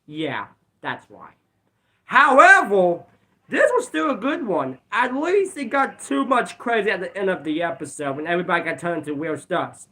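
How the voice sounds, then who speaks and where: A man with a high, bright voice chats through a casual episode review vlog. His pitch swings widely as he rambles and repeats himself, stopping now and then to cough. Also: very animated, moderate pace. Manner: rambling, repeats "let's be honest". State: bouts of coughing. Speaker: video reviewer.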